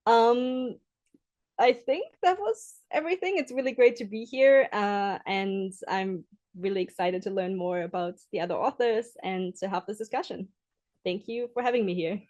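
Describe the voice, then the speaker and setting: A woman's voice: medium pitch, normal speed, a little mellow, dry recording. A woman speaking over a video call, introducing herself as an author. She hesitates and restarts often, and fills the gaps with ums. The sound is dry and close. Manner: hesitant, many fillers and restarts. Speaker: anthology author. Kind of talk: self-introduction on a live stream.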